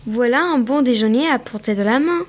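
A woman reading a jittery, timid male rabbit with a high voice, stammering when scared. A storybook read-aloud, earnest and breathless. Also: lively intonation, a little fast. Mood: nervous.

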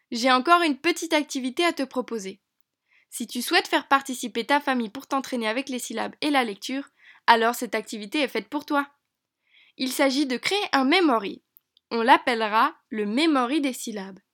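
A woman teacher narrating a lesson for young children in an encouraging, clear way, slowing down on key words. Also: sits high. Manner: bright, encouraging, speaks slowly to a child.

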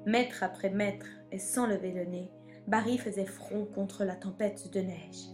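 A woman reading a children's storybook aloud in an expressive, measured way. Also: mid-range voice, over music.

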